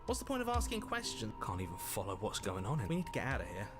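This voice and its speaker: A man's voice: lowish voice, wildly swooping pitch, fast talker. A man playing a jittery, flippant inner voice of a video game hero, agitated and quippy over music. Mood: restless, uneasy. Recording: loud game music behind the voice.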